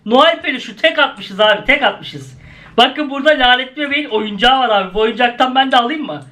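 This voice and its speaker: Excitable high-voiced man gaming. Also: brisk. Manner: excitable, frequent shouted exclamations. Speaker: gaming YouTuber. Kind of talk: gameplay commentary.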